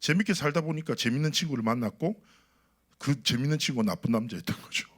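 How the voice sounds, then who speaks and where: A man's voice: mid-range voice, fast, a bit bright, husky. A man, an associate pastor, preaching a sermon with rhetorical questions and personal anecdotes.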